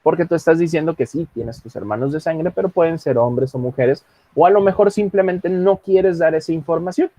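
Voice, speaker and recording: A man teaching English in an online class, explaining calmly and reading English example lines slowly. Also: fairly high pitch, no echo.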